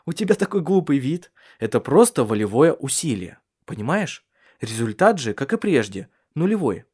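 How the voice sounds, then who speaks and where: A man's voice: medium pitch, very animated, normal speed, darkish tone, slightly rough. A man voicing a wry, stubborn bedridden husband in an audiobook, talking dryly and curtly. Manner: dry, curt, teasing. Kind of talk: audiobook character reading.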